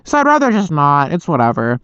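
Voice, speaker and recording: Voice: medium pitch, huge pitch swings, fairly quick, fairly bright tone, clear, resonant tone, no room sound. Young vlogger talking inside a helmet, muffled. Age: young adult. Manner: meandering, self-interrupting, mild swearing. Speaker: motorcycle vlogger. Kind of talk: casual rambling vlog chat. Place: inside a helmet, outdoors at night. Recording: dull, muffled close helmet mic.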